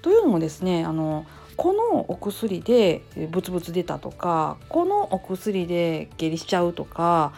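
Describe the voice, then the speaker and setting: A woman's voice: lowish voice, normal speed, creaky, few pauses, faint music behind. Chatty Kansai-dialect nurse woman. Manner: chatty, lively, hedging with fillers. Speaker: nurse and temple priest's wife, channel host. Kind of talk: casual solo talk.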